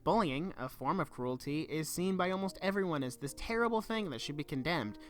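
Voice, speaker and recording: A young adult narrates a scripted video essay in an earnest, reflective way, using an animated mid-range voice at a fairly quick pace. Music plays in the background.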